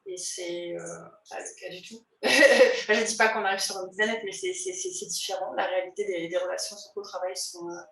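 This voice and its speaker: A woman in her thirties recounts her own path, pausing often with fillers and restarting her phrases, with small laughs along the way. Her voice sits in an echoey room and reaches the mic from some distance. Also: mid-range voice, a bit bright. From France. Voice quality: hesitant, many fillers and restarts, light laughs. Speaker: illustrator and teacher. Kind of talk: recorded personal testimony. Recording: roomy, voice from the mic.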